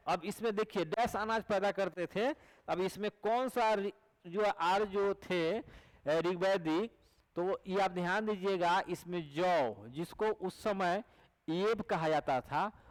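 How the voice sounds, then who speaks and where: A man's voice: high voice, low-quality recording. A male teacher with a Bihari Hindi accent, giving an exam prep lecture and repeating each question and answer back to his students. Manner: coaxing, asks rhetorical questions to check recall.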